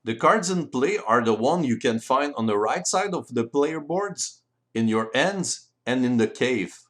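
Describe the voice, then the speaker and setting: A native French speaker with a French accent voices a careful, deliberate tutorial on board game rules in non-native English. His medium-pitched voice is expressive and fairly bright.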